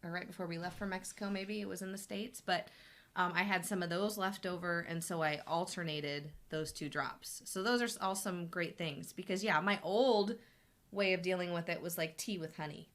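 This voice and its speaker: A woman with a fairly low, steady, fairly bright voice talks at a moderate pace. As a health coach and host of a casual live Q&A, she rambles chattily with frequent restarts, her voice still getting over an illness.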